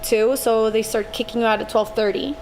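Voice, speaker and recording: A woman from Colombia, raised in Miami, talking casually as a guest about her work managing a nightclub, full of "like" and lively storytelling. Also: fairly high pitch, fairly quick, a little hiss or hum, low-quality recording. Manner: chatty, frequent "like", animated storytelling. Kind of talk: casual podcast interview.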